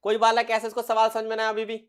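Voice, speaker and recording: A man's voice: high voice, completely flat delivery, quick pace, clean tone. A man teaching an exam-prep lecture, constantly asking the class questions, answering them himself, and repeating key terms for emphasis. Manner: quizzes students constantly, answers his own questions.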